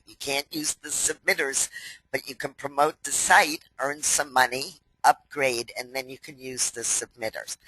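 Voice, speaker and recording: A woman's voice: deep voice, sharp tone, dry recording, low-quality recording. A woman with a New York accent and a head cold hosts a webinar, walking viewers through a members area in a chatty, step-by-step way. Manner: unhurried, chatty, explains step by step. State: has a head cold, stuffy. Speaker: company president hosting a webinar. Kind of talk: webinar software walkthrough.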